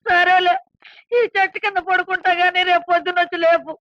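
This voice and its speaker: A woman's voice: extremely high pitch, little pitch movement, quick pace, fairly bright tone. An actress playing an older village mother who is crying and begging to see her jailed son, in a film drama with a dull, lo-fi soundtrack. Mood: distraught. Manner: pleading, begging. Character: poor village mother of a prisoner, tearful.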